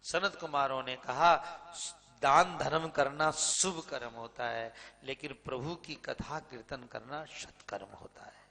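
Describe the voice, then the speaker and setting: Male preacher, slow storytelling sermon with chanted verses, gravelly voice, big reverberant hall. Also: medium pitch. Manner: dramatic storyteller, slow and emphatic, swells loud when sung. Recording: reverberant hall, slightly distant.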